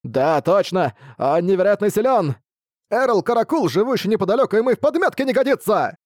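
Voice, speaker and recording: Male reader voices a cowardly little bat servant for an audiobook, shrill, boastful, lively and high. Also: brisk, no room sound, studio quality. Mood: shrill boasting. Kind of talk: audiobook reading.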